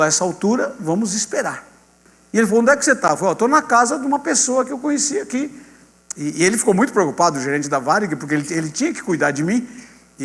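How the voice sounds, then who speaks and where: A male pastor with a Brazilian Portuguese accent, telling a testimony in a sermon and acting out the dialogue in an animated way. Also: high-pitched. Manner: animated storyteller acting out dialogue, addressing congregation as "gente". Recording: long hall reverb with mains hum.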